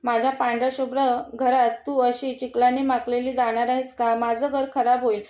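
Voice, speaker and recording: Brief: a woman reading a cocky young husband, mocking and bossy, high voice, dull lo-fi sound. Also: little pitch movement, normal speed, dark tone, lightly acted. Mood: teasing, bossy. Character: brash teasing young husband. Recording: dull lo-fi recording.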